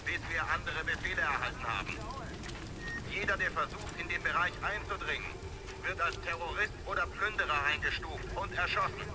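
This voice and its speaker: An actor playing a stern soldier in a game, announcing orders to civilians through a megaphone in a firm, official manner. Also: male voice, a little high, very noisy. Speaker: soldier making a public announcement.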